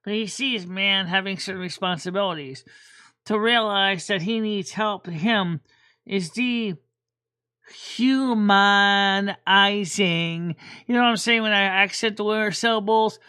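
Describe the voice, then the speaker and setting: A woman hosts a casual livestream chat in a bright, forceful voice. She rambles and often repeats words as she works through her thoughts. Her pitch sits right in the middle. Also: steady tone, moderate pace, clean tone. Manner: rambling, repeats words while thinking aloud. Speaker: host.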